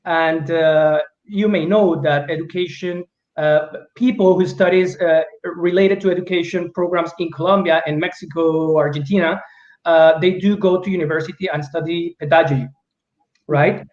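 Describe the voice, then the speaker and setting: A man working as an education agent, putting formal, courteous questions to an instructor over a video call. His voice sits a little high. The audio sounds roomy and muffled, and he pauses now and then to find his words. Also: steady tone, darkish tone. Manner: polite, formal, searching for words.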